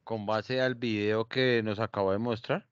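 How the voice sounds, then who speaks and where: Hesitant Colombian student, low voice. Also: male voice, fairly even intonation, measured pace, clear, resonant tone, no room sound. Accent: Colombian Spanish. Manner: hesitant, apologetic. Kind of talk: asking questions in an online class. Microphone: video call. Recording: dull, dry video call audio.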